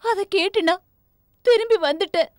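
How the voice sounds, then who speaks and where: A woman's voice: very high voice, moderate pace. An actress playing a tearful young daughter pleading with her father, in a TV serial. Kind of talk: TV serial acting.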